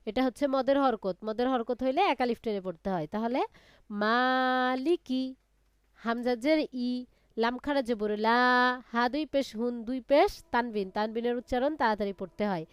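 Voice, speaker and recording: A woman leads a live Quran reading lesson, spelling out each letter and vowel in a slow, patient chant. Her voice sits a little high and sounds smooth and clear. The recording is dry, with no room sound around her. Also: darkish tone, dry recording. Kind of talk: slow drilled recitation of letters and vowel marks. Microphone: online live class.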